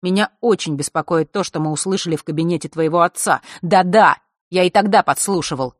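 A man voicing a sharp-tongued, touchy teenage boy in an audiobook, with a sarcastic, scornful way of speaking. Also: a little high, fast, no room sound, clean studio sound, natural voice.

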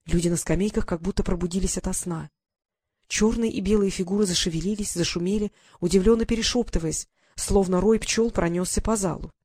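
An audiobook reader narrating a fantasy novel in an even, clear storytelling manner. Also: mid-range voice, brisk, dry recording.

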